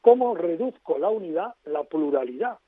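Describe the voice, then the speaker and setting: A man's voice: on the high side, expressive, moderate pace, no room sound. A man as a radio guest, explaining at length in an expansive, lecturing way over a phone line.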